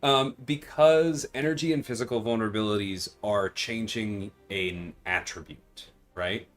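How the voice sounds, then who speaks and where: With gentle music in the background, a man speaks in a lowish voice, a little slow. He's a livestream host and game designer, casually chatting with his audience and walking through game mechanics while playing.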